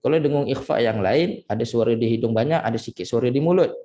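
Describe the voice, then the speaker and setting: A male Quran recitation teacher with a Malaysian Malay accent gives a tajwid lesson, correcting pronunciation and slowly stretching out and repeating Arabic syllables. His voice is mid-range and warm.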